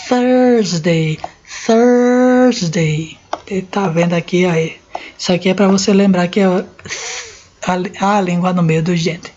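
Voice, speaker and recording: A Brazilian woman teaching an English lesson, saying each word slowly and repeating it for learners to copy. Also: lowish voice, flat delivery, darkish tone, slight background noise. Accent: Brazilian Portuguese. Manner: slow, deliberate, repeats words for learners to echo. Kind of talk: language lesson. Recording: dull lo-fi sound.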